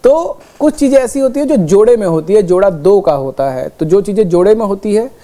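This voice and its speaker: A woman teaches English grammar, her voice mellow and warm at a middle pitch. She leans on everyday examples, keeps checking in with her students, and slows right down when she spells out English sentences. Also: expressive. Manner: explains with everyday examples, repeats "ठीक है" often. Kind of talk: classroom grammar lesson.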